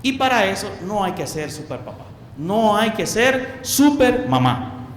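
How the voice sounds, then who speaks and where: Man, high bright voice, emphatic lay preacher who repeats for stress, echoey hall with faint noise. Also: big pitch swings, unhurried. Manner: asks the audience questions. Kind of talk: preaching talk to a congregation.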